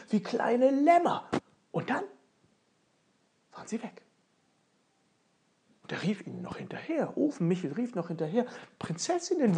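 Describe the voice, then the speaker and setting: A woman telling a fairy tale, slowing down and dropping to whispers for suspense. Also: lowish voice, creaky. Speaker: storyteller.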